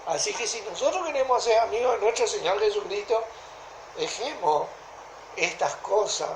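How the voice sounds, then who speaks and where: A woman with a Rioplatense Argentine accent preaching a sermon in a deliberate way, often stopping to ask whether listeners follow. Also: medium pitch, a little hiss or hum. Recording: echoey room.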